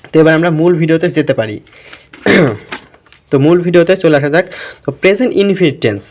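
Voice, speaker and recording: Fast-talking man teaching. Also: a little high. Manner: talkative, asks and answers his own questions. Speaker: English teacher. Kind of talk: casual classroom explanation. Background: noisy surroundings.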